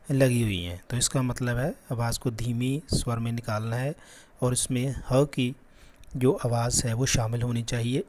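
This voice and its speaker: A man teaching a class lesson, patiently repeating sounds slowly for children. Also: mid-range voice, a little mellow, a little hiss or hum.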